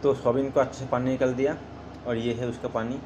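Casually talking through a homemade dish step by step, a man with an ordinary-pitched voice keeps addressing his audience as "friends" while moving at a fast pace. Noticeable noise fills his kitchen recording, with outdoor traffic audible.

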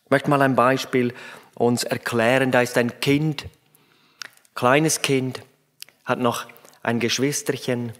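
A man's voice: mid-range voice, little pitch movement, slow, long pauses, fairly bright tone. A man preaching a sermon, emphatic and speaking straight to his listeners. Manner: emphatic, addresses listeners directly.

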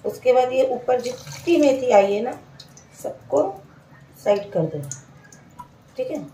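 A woman's voice: on the high side, animated, takes it slowly, warm tone, a little hiss or hum. A woman, casually narrating a home cooking vlog and explaining each step to her viewers. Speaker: home cook vlogger. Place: home kitchen. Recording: echoey kitchen, mic far off.

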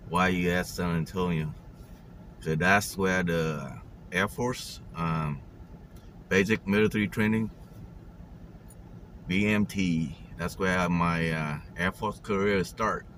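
A man in his sixties, an Air Force veteran, casually narrating a road trip from behind the wheel with halting filler pauses. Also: low voice, fairly even intonation, a bit bright, slight background noise. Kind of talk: casual travel vlog narration. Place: inside a car, driving. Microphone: camera mounted on the dashboard.

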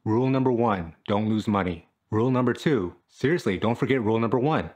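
Brief: fitness coach in his thirties, punchy and jokey, fairly low voice, filmed at home. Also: animated, brisk, darkish tone. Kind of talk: scripted talk to camera. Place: small room at home, indoors.

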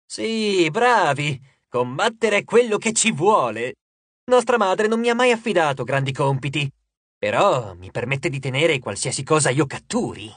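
A man's voice: sing-song, moderate pace, a bit bright, no room sound. A man voicing a mocking, grotesque male sea god who taunts his captives in an audiobook. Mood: gloating. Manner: taunting, theatrical, booming.

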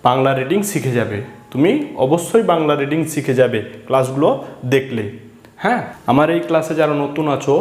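A man teaching a children's reading lesson. He speaks in a somewhat high voice and goes through each step patiently, repeating it. The room around him is echoey. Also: darkish tone.

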